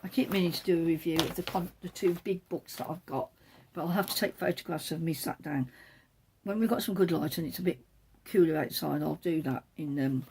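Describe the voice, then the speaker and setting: A woman's voice: low voice, brisk, vocal fry, a little mellow, a little hiss or hum. A woman hosting a knitting podcast, chatting casually as she shows patterns from a book, rambling and correcting herself as she goes.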